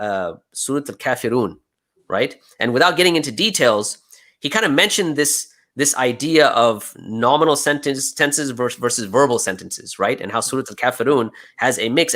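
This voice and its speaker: A man's voice: mid-range voice, lively intonation, moderate pace, sharp tone. A young American man talking casually on a live stream, chatty and laughing often, full of "you know" and "right". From United States. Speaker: guest speaker.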